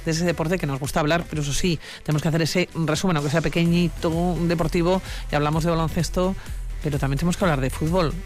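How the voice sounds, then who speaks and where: A woman with an accent from Spain hosts a radio sports segment in a conversational style. She talks quickly, with music faintly behind her. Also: low-pitched, steady tone, darkish tone. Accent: Spanish from Spain. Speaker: radio host.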